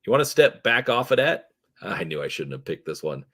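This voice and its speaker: A man voicing a twitchy, shifty male orc drug dealer with fast, wheedling street slang. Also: extremely low pitch, fairly even intonation, creaky, breathy edge, voice pushed down, exaggerated voice. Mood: menacing.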